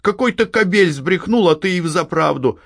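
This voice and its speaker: Male reader playing a sharp-tongued young wife, raised pitch, lively, dry close sound. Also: moderate pace, gravelly, husky, no echo, full character voice. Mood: defiant. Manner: sharp, mocking retorts. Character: defiant young married peasant woman, sharp-tongued. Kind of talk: audiobook reading.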